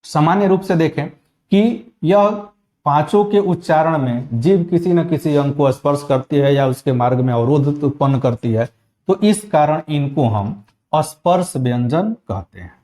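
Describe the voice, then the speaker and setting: A man giving a spoken grammar lesson, slowly and methodically spelling out sounds one at a time. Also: a little high, animated, dark tone. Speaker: Hindi teacher.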